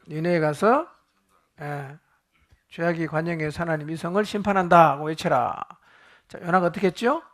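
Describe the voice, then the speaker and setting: A man's voice: a little high, a bit bright. A male pastor teaching a Bible study sermon, asking the congregation questions and joking with them.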